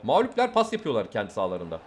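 Fast, animated young man gaming. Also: lowish voice. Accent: Turkish. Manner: animated, shouts at the game, talks to viewers. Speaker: gaming YouTuber. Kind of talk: excited let's-play commentary.

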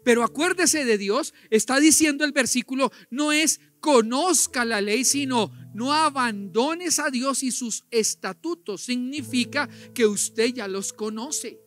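A middle-aged man preaching a sermon in a church, lively, telling stories and putting questions to the congregation. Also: extremely high pitch, a little slow, hardly any pauses. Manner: animated, storytelling with acted cries and questions to the congregation. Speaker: pastor.

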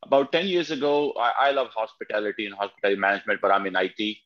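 A man's voice: on the low side, fairly even intonation, racing, a bit bright, lo-fi sound. A man in his thirties from Pakistan asks a two-part question on a webinar, politely and with plenty of fillers. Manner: polite, rambling, many fillers. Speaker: audience member asking a question.

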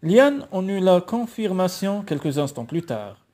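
Homme lisant un roman, voix douce. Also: male voice, sits high, big pitch swings, a little slow, a little mellow. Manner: narration posée, voix aux personnages. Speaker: lecteur de roman. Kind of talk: lecture de roman à voix haute.

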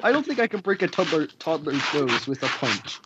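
A man's voice: a little high, very animated, a little fast, a loud crowd. A man in a casual podcast chat who works things out aloud. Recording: dry, dull recording.

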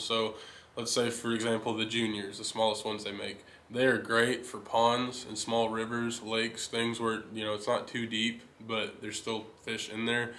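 A young man hosting a fishing channel, giving a steady, enthusiastic rundown of his lures in a casual chat. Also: medium pitch, slight background noise. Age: young adult. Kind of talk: casual gear talk to camera. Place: indoor living room.

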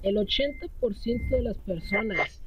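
A man's voice: high voice, lively intonation, normal speed, highs cut off. A man with a Mexican accent chatting casually as he games, in slangy Chicano-style Spanish peppered with English. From lives in the United States. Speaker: gaming video co-host. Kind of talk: casual gameplay chat. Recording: loud truck game noise behind. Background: truck engine and reversing beeps from game.

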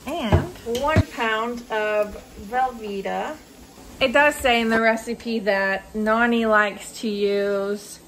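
A young woman talking casually through a recipe in her home kitchen, chatty and relaxed with a lot of fillers. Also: fairly high pitch, a little hiss or hum, low-quality recording. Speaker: home cook host. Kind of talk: casual cooking vlog narration.

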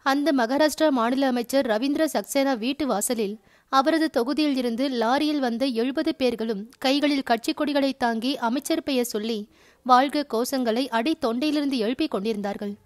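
A woman with a high voice narrates a crime novel aloud. She reads in a steady storytelling manner and gives each character a voice of their own. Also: moderate pace, no echo. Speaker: audiobook narrator.

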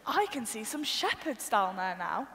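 A woman's voice: fairly high pitch, big pitch swings, normal speed, sharp tone, slight background noise, heavily acted. A woman acting a fussy, complaining wife in a school nativity sketch, who repeats her points insistently. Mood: curious. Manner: indignant, repeats herself insistently. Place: large minster church. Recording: long church reverb.

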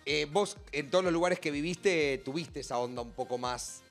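A man with an Argentine accent co-hosts a relaxed studio chat, his voice sitting a bit high for a man. He jokes around and acts out little scenes with lively energy. Soft music plays faintly behind him. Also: normal speed. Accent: Argentine Spanish. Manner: joking, animated storyteller. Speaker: co-host. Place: radio-TV studio.

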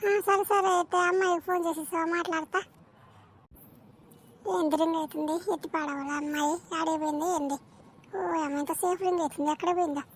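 A woman's voice: extremely high pitch, steady tone. A woman voicing a fussy, scolding village mother in a cartoon. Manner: nagging, fretful, quick scolding. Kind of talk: cartoon voice acting.

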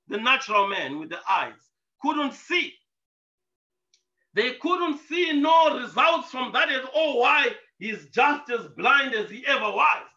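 A man preaches a storytelling sermon, punching his points with rhetorical questions and bursts of shouting. His voice is high and forcefully bright. The recording is echoey and dull, lo-fi church audio. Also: recorded from a distance. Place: church hall.

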